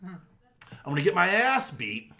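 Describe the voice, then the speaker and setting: A man's voice: sits high, wildly swooping pitch, a little slow, bright, forceful tone. A middle-aged man, co-hosting a podcast and telling a story in a casual, profane way, acting out quotes and laughing often. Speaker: podcast co-host.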